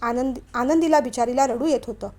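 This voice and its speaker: A woman narrating a family novel as a storyteller, in a steady, measured reading. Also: a little high.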